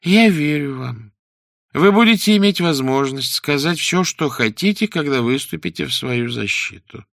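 A man reading aloud and voicing a sickly, melancholy, cruel chief judge of about forty, in a soft, slow, falsely mild voice. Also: fairly high pitch, expressive, creaky, dry recording, clean studio sound, voice pushed up. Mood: falsely gentle. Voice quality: soft, almost plaintive voice.

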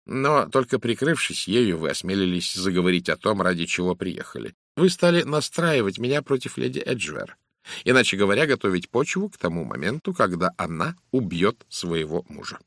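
A man's voice: low-pitched, very animated, normal speed, fairly bright tone, no room sound, clean studio sound, exaggerated voice. A man voicing a fussy older male detective who lectures suspects in a precise, theatrical manner. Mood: lecturing. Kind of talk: audiobook character reading.

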